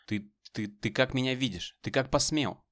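A man voicing a pompous, hot-tempered middle-aged male politician who blusters and shouts. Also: mid-range voice, normal speed, pitched above the performer's own voice, natural voice. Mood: indignant.

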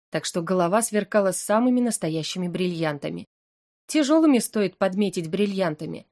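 A woman narrates a first-person story aloud with lively feeling. Her delivery slips between nervous and dryly amused, at a middle pitch. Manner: expressive, anxious and wry. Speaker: audiobook narrator.

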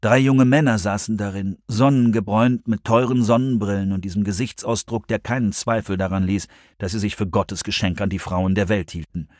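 A man narrating an audiobook in expressive, scripted storytelling. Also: on the low side, fairly quick, hardly any pauses, no room sound, studio quality.

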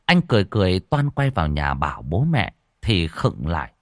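A man's voice: low voice, normal speed, dry recording, studio quality. A man narrating a horror story, acting out every character. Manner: animated, voices all characters.

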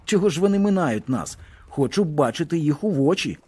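A man's voice: fairly high pitch, lively intonation, a little fast, warm tone, breathy edge, pitched above the performer's own voice. A man voicing a hot-tempered young male soldier who barks in a raised, bitter voice. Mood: angry, scornful. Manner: barking, raised voice.

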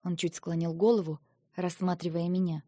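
A woman narrating a first-person audiobook in a steady, expressive storytelling manner. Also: lowish voice, moderate pace, no room sound, studio quality.

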